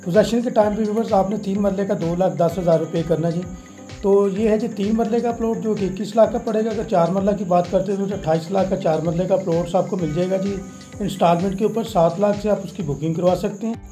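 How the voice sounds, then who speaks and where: A man's voice: sits high, steady tone, fast talker, warm tone, soft background music. A man narrating a walking property tour outdoors, reeling off prices and repeatedly addressing viewers. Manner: repetitive, reels off prices, frequent "viewers" and "ji". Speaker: property dealer giving a site tour. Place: outdoors in a housing development.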